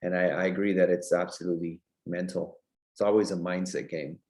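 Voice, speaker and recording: A man's voice: deep voice, little pitch movement, a little fast, a little mellow. A man in his thirties, a real estate coach as a podcast guest, talking earnestly with many fillers. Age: 30s. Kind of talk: casual interview chat. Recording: roomy echo.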